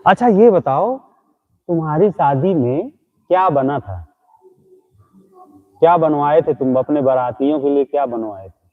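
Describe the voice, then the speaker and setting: A man hosts a comedy live stream, heaping teasing insults on ghosts he pretends are in front of him. His voice sits a little high. The sound is thin and tinny, like it's coming through a phone. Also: animated, a little slow, pauses often. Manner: mocking, scolding, teasing insults. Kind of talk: comic live stream talking to imagined ghosts.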